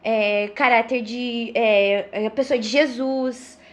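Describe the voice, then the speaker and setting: Appearing as a podcast guest, a thirty-year-old woman from Brazil talks in a notably high, fairly even voice. Her explanations are earnest and relaxed, with occasional halts and phrases tagged to invite agreement.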